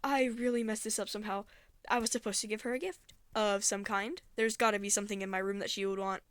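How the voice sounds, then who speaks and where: A woman voicing a panicky, hungover young human who stammers and blurts things out loudly. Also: mid-range voice, fairly even intonation, fast talker, no echo, natural voice. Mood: flustered panic. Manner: loud, flustered, stammering.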